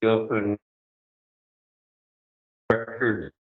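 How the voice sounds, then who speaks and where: Male moderator, halting delivery, on a bad connection that breaks up, muffled call audio. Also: fairly low pitch, level tone, breathy edge. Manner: halting, with frequent fillers and restarts. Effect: choppy, breaking-up video call connection. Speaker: panel moderator. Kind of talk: formal introductions at an online meeting. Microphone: video call.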